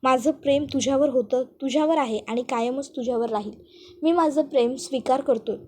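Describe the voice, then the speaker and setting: A woman voicing a firm young husband, speaking lower and quieter. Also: brisk, a little hiss or hum, lightly acted. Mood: tender. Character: stern young husband, cold and curt.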